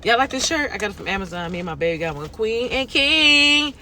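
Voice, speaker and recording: A woman's voice: lowish voice, expressive, rapid-fire, a bit bright, slight background noise. A woman from California with a Californian accent, chatting casually to her viewers in a vlog, folksy and talkative, tossing in lots of y'all and okay. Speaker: lifestyle vlogger.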